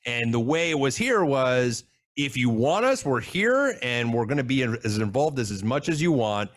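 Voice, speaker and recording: A man's voice: medium pitch, expressive, normal speed. A man hosting an advisor podcast, chatting casually and telling stories as he introduces his guest. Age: older adult. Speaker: podcast host. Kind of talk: casual interview chat.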